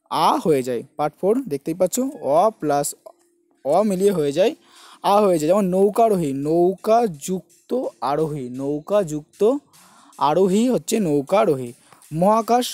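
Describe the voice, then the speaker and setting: A man's voice: sits high, dark tone, dry recording. A man teaching an online exam-prep lesson, breaking words into syllables for his students and asking them rhetorical questions as he goes.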